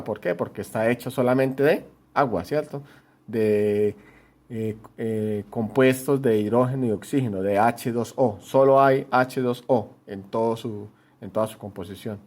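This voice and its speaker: A man's voice: mid-range voice, a little mellow. A man from Colombia teaching a chemistry lesson while writing on a board, explaining patiently and often checking that students follow. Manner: writes on a board while talking. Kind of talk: home-school lesson at a whiteboard.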